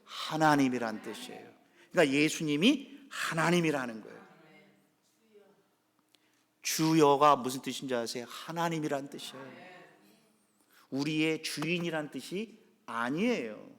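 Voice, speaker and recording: A male pastor delivers a Sunday sermon in an animated way, constantly asking the congregation questions. His voice sits fairly high for a man. The sound carries the long reverb of a church sanctuary. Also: unhurried, pauses often.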